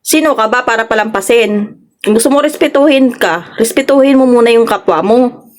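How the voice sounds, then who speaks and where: A Filipino woman vlogger delivers a casual reaction commentary with a voice pitched a little high. She scolds and confronts, firing off rhetorical questions one after another. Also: fairly quick. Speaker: vlogger reacting to online drama.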